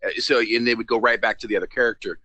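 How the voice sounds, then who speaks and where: A man with a medium-pitched, bright, clear voice chats about a TV show in an easygoing way, often pausing to hunt for the right word. He is recorded close and dry, with no room sound behind him. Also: fairly even intonation, no room sound. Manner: easygoing and agreeable, searching for words. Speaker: co-host of a TV recap show. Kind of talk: casual review chat.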